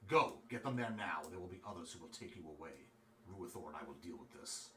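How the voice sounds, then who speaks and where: A man voicing a stern male rebel mage who speaks in a low, grave, commanding way, recorded off-mic in a roomy space. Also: animated, a little fast, a bit bright, far from the mic. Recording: roomy, off-mic, faint room ambience.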